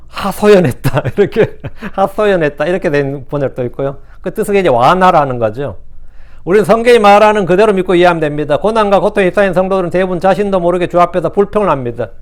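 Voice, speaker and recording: A male pastor giving a sermon in a conversational way, often checking in with the congregation and rising into impassioned scripture reading. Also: sits high. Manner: conversational preaching with frequent rhetorical "응?" asides.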